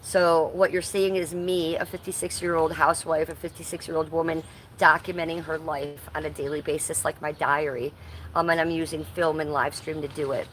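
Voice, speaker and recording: Her voice is low and level, moving at a moderate pace, and the recording quality is poor. She's a livestream host in her fifties chatting casually from her front yard, teasing viewers by name while faint roofing noise carries from nearby.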